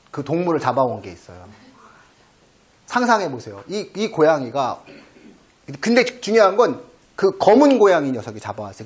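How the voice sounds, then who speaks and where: A middle-aged man hosting an education channel, talking casually and acting out his own lines with gusto. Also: fairly high pitch. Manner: lively storyteller, acts out his own lines to cats. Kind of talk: casual explanatory talk.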